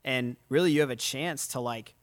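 A man in his twenties co-hosting a podcast, chatting casually and telling animated, jokey stories. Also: mid-range voice, moderate pace. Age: 20s. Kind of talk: casual chat.

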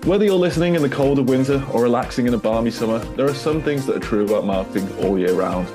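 A man's voice: mid-range voice, lively intonation, quick pace, over music. A man hosting a marketing podcast, upbeat and repeating words, often saying "like". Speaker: podcast host. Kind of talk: podcast interview.

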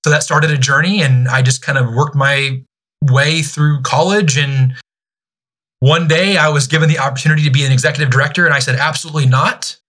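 A man in his thirties, a youth ministry director, speaking candidly as a podcast guest, pausing and restarting often. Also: a little high, steady tone, a bit bright. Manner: halting, many restarts and fillers.

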